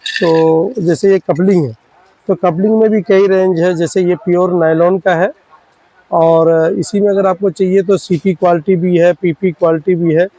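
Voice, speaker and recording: A man's voice: high voice, fairly even intonation, normal speed, dark tone, no echo, poor audio. A man, a spare parts shop owner, explaining products to fellow shopkeepers in an earnest, pleading, repetitive way.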